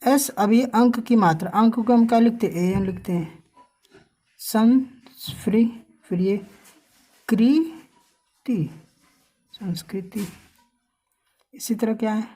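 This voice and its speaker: Slow, mellow woman teaching spelling. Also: medium pitch, breathy edge. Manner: slow, drawn-out spelling with quiz questions to the viewer. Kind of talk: spelling lesson for learners.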